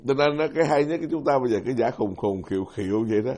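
A man's voice: mid-range voice, animated, rapid-fire, a little mellow. A middle-aged man, a Buddhist monk giving a folksy, self-deprecating dharma talk who keeps putting questions to his audience. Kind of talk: sermon.

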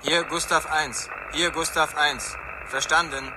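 A slow-spoken patrol officer on police radio. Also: male voice, a little high, fairly even intonation, background noise. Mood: businesslike. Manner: clipped, formal radio call phrasing. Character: male patrol officer answering dispatch by radio. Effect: police radio transmission.

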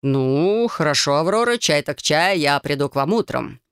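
A reader voicing an eager young male suitor in a storybook reading, with a mid pitch and a dry sound. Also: expressive, moderate pace, fairly bright tone, smooth, no room sound. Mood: slow, puzzled.

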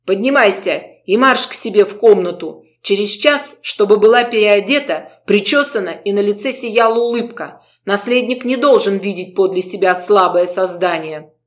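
A woman's voice: medium pitch, moderate pace, fairly bright tone, close to an everyday voice. A woman reading the part of a haughty, stern vampire housemistress who speaks in cold, clipped commands.

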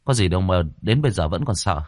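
A man voicing a calm, fearless old grandfather who speaks in a matter-of-fact way. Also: sits low, fast talker, dry recording, studio quality. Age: older.

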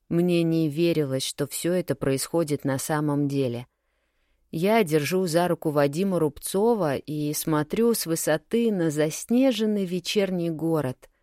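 Woman narrating a story, low and dry. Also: dry recording. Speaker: audiobook narrator. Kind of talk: first-person story narration.

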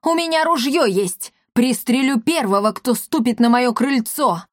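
Woman doing a defiant town mayor, loud and threatening, raised pitch, dry storybook read. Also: expressive, a little slow, no room sound. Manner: shouting threats. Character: angry blustering male town mayor.

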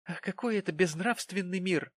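A man voicing an affected, indignant young woman with a shrill, fussy manner. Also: normal speed, dry recording.

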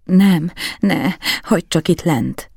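A man's voice: medium pitch, gravelly, a little mellow, breathy edge, no echo, studio quality. A man voicing a powerful margrave who is terrified and desperate, swinging from eager to frantic to whispered pleading in an audiobook. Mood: despairing. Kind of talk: audiobook character voice.

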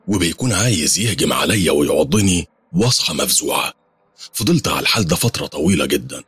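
A man with an Egyptian accent narrating a first-person horror story, telling it fast and lively. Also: extremely low pitch, slightly rough, dry recording. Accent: Egyptian Arabic.

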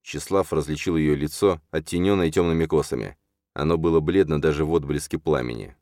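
A man narrating a dark fantasy audiobook in a measured, hushed storytelling manner. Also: very deep voice, dry recording, clean studio sound.

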